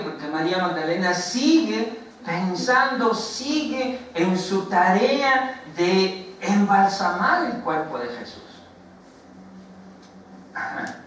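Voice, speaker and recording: Slow-preaching Mexican pastor in echoey church. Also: male voice, sits high, fairly bright tone, a little hiss or hum. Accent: Mexican Spanish. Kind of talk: sermon. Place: church sanctuary. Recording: very echoey church, voice from far off the mic.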